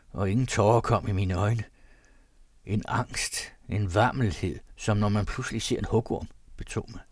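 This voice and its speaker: A man's voice: lowish voice, a little mellow, breathy edge, no echo. A man reading an old diary aloud in a solemn, mournful manner. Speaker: narrator. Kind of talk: scripted reading of a period diary.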